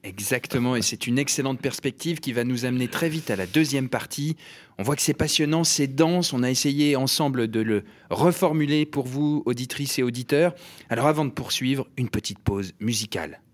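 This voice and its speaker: A man's voice: medium pitch, normal speed. A man hosts a radio show. He sums up what his guest said, then introduces the next track with a light, playful tone. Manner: playful, brief interjections and recaps. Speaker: radio host. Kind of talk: radio hosting.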